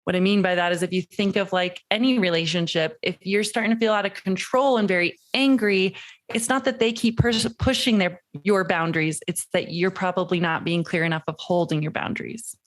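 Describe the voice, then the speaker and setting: A woman parenting coach on a podcast, explaining her advice in a lively way and dropping into a slow, soothing voice to demonstrate it. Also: lowish voice. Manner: animated, acts out quoted voices.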